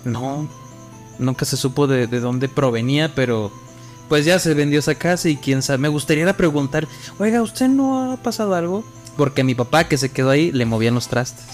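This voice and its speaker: A man's voice: mid-range voice, fairly quick, faint music behind. A young Mexican man with a Mexican accent, co-hosting a podcast, animatedly telling a ghost story and acting out the voices in it. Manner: animated storyteller, acts out quotes. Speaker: podcast co-host. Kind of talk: casual chat, storytelling.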